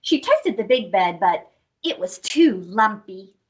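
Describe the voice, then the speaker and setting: A woman hosts children's storytime, giving an animated picture-book read-aloud for young kids. Her mid-range voice is unhurried, and she reads expressively and playfully, asking listeners questions and adding sound effects.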